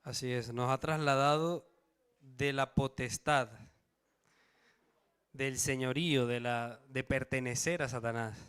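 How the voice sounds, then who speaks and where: Speaking slowly and pausing often, this man delivers a Bible study sermon to a church congregation. His voice is medium in pitch, steady, a bit bright, clear and resonant. Between verse readings he puts questions to the congregation and checks in with them.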